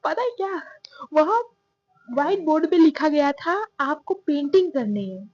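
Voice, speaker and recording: A woman's voice: sits high, expressive, unhurried, a little mellow, no echo. Chatty, self-mocking young woman storyteller. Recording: dull, dry sound.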